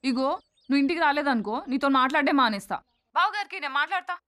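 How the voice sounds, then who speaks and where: Young woman, bossy friend, quick scolding, high voice, fast. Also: expressive, a bit bright, dry recording. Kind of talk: film drama dialogue.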